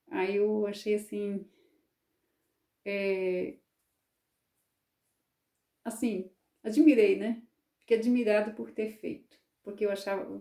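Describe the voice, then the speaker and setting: Lady in her 50s, chatty and homely, warm mellow voice, echoey room at home. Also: medium pitch. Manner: chatty, homely, fills pauses with tag questions. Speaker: crochet vlogger. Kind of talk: casual chat to camera.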